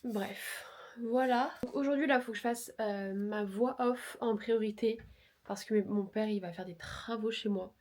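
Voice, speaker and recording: Sick with a cold, a woman vlogs casually in a nasal voice, drifting from topic to topic and making fun of herself. Her voice sits at medium pitch with a darkish tone, unhurried, recorded through a lapel mic into a phone.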